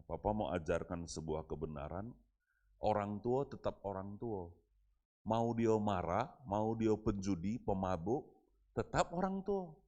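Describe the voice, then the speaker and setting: A man's voice: sits low, darkish tone. A middle-aged male pastor giving a conversational sermon, speaking straight to his congregation. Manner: conversational, addresses congregation as "saudara".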